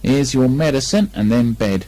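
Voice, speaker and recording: A man voicing a brisk, motherly female kangaroo in a storybook reading, cheerful and firm. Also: mid-range voice, animated, warm tone, close to an everyday voice.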